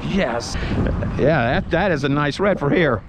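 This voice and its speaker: A middle-aged man, narrating his fishing trip to an action camera in excited, folksy commentary. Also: fairly high pitch, measured pace. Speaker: fishing vlogger. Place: outdoors on a windy waterfront. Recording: outdoor wind and boat noise. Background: wind and water ambience.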